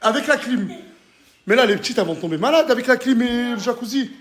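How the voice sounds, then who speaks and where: A man, chatting excitedly and familiarly in street slang as he films a casual vlog and pitches products. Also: quick pace. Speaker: vlogger and product promoter.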